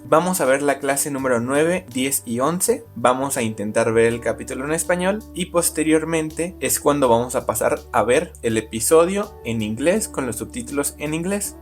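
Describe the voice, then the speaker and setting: A man teaches an online language lesson at a mid pitch, explaining step by step and pausing to check in with his students. Light guitar music plays softly underneath. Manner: explains slowly, checks in with "¿de acuerdo?". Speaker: English teacher.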